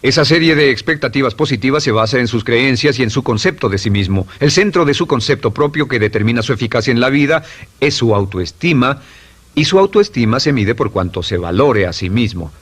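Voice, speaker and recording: A man's voice: medium pitch, lively intonation, brisk, breathy edge. Middle-aged male lecturer for a seminar dub, mid-range voice, emphatic delivery. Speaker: motivational lecturer.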